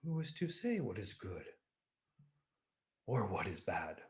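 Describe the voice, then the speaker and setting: A man voicing a very old farmer from a parable, speaking calmly and quietly. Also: on the low side, voice pushed down. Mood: serene. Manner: calm, hushed, unhurried. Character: very old, serene wise farmer.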